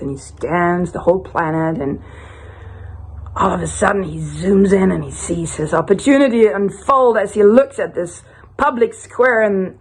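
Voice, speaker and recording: A woman telling a rambling, animated joke story with many restarts. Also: medium pitch.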